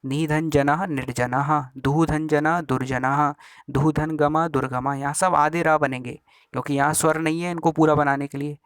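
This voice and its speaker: A man teaches grammar, restating each rule and sounding out his examples syllable by syllable. His voice sits a little higher than most men's. The recording is close and dry, with no room echo. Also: fairly even intonation, fairly bright tone, smooth. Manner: repeats rules slowly, spells out examples syllable by syllable. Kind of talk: classroom lesson explaining rules with examples.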